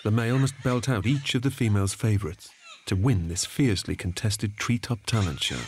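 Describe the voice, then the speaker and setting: A man reading scripted nature documentary narration in a measured storytelling manner. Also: fairly low pitch, noisy background. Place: studio voice-over. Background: background music.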